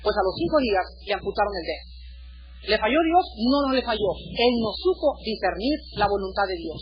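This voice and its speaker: A man with a Mexican Spanish accent preaching a sermon in church, animated and joking between serious points. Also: high voice, fairly quick, muffled recording, a little hiss or hum. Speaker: pastor.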